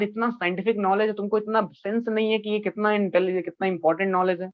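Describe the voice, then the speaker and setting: A man's voice: high-pitched, dry recording. A man lecturing a youth class on scripture, earnest and pressing his listeners with rhetorical questions. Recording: dry, dull lo-fi sound.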